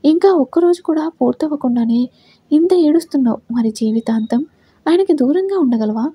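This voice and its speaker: A woman's voice: high voice, animated, moderate pace, dark tone, no echo. A woman voicing an insistent female friend who coaxes and presses. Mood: urging. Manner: insistent, coaxing. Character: urging female best friend.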